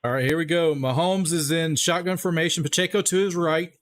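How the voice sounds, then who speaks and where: A man's voice: a little high, fairly even intonation, brisk. A man with a Texas accent doing casual live play-by-play for a stream, chatty and upbeat, talking straight to his viewers. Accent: Texan. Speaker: livestream play-by-play host. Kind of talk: live play-by-play commentary with chat shout-outs.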